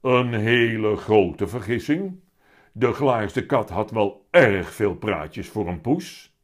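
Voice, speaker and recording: A man reading a children's story aloud and voicing a big, calm, stubborn talking tomcat with a heavy, deep voice, loud and deliberate. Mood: solemn.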